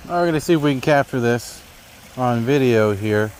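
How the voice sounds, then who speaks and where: A man chatting casually outdoors on a rocky trail, explaining as he drives a remote-control crawler, recorded on low-quality audio from a neck-mounted camera's built-in mic. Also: brisk, a little mellow, slight background noise. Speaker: RC crawler hobbyist. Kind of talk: casual hobby vlog narration.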